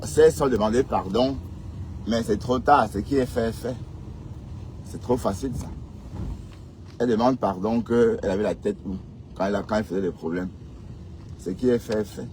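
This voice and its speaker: A man's voice: lowish voice, moderate pace, long pauses, darkish tone, a little hiss or hum. A man hosting a casual live stream, reading comments and scolding viewers with rhetorical questions.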